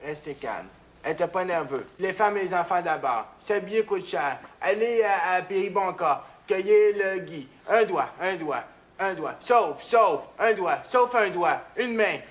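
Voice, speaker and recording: A flustered Québécois contestant, played by a man blurts out guess after guess, stalling on hesitant fillers. His voice sits high and he speaks slowly. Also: expressive.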